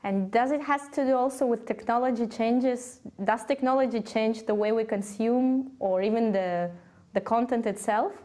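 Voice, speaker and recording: A woman's voice: a little high, moderate pace, dark tone. A woman working as an interviewer, putting questions in a tentative, searching way.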